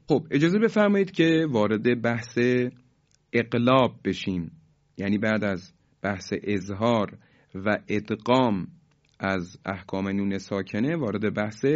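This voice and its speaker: A man teaching a Quranic tajweed lesson, explaining rules calmly and stretching out each example word slowly as he demonstrates its sound. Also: on the low side, highs cut off. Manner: slow, drawn-out demonstrations of recited words.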